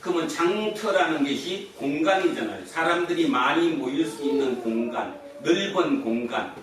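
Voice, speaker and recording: A man's voice: a little high, moderate pace, fairly bright tone. Guy pastor giving a sunday sermon, keeps quizzing the congregation, really echoey church, a bit of room hiss. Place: church sanctuary. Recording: echoey hall from far off.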